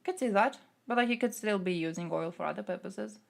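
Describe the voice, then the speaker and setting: Croatian woman, gravelly casual streamer voice. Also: mid-range voice, brisk. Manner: thinking aloud with fillers, reads chat questions out. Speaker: streamer answering chat. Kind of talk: casual political chat.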